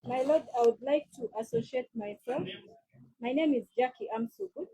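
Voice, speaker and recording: A woman's voice: high voice, big pitch swings, normal speed, dark tone, slightly rough, low-quality recording. A woman serving as counsel, politely making her own submission in court with occasional fillers.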